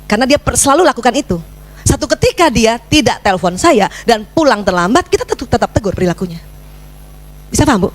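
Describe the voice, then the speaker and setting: A middle-aged woman giving a religious parenting lecture, lively, acting out little scenes with her child. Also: fairly high pitch, quick pace.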